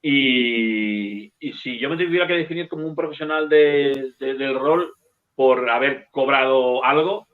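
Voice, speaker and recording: Lively storyteller on a tinny line. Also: male voice, medium pitch, unhurried. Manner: lively storyteller, swears casually. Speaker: bookseller and guest. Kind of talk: casual anecdote telling.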